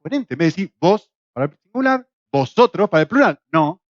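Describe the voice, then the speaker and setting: A middle-aged man from Argentina with an Argentine Spanish accent, teaching a Bible class in a lively way, with rhetorical questions and jokes. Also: high voice, fairly quick, dry recording. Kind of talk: church class lecture. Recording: dull, lo-fi, dry sound.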